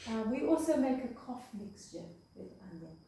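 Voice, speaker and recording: A woman's voice: a little high, big pitch swings, normal speed, mellow, distant mic, slight background noise. Chatty woman demonstrating in an echoey room. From Australia. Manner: chatty, checks in with "okay?" and "eh?". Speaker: health presenter. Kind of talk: hands-on health demonstration. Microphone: far room microphone.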